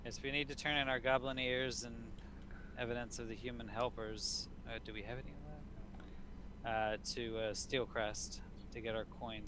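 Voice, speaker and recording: A man's voice: mid-range voice, steady tone, normal speed. A man playing in a tabletop game, with wry, suspicious banter. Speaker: player. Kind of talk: casual tabletop game play. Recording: clear background noise.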